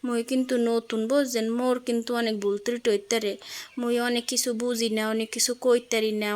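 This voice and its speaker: A young mother with a Barishal accent chats through her day in a home vlog, her voice sitting a little high. She talks casually and keeps turning to the viewer to check they are following. The tone is loose and conversational. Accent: Barishal dialect of Bengali. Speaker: vlogger.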